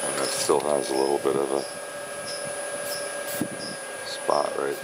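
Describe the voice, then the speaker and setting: A man teaching woodturning step by step, talking it through haltingly as he works at a lathe in a windy workshop. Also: extremely low pitch, completely flat delivery. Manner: halting, thinking aloud while working. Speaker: woodturning instructor. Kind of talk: casual step-by-step demonstration. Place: workshop with lathe, wind outdoors.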